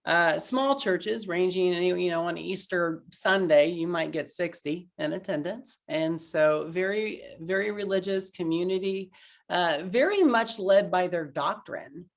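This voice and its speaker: A man's voice: sits high, unhurried, vocal fry. A man with an Oklahoman accent, giving an earnest, reflective personal testimony as a guest on a video-call interview. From Oklahoma, USA. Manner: earnest and reflective, with many fillers.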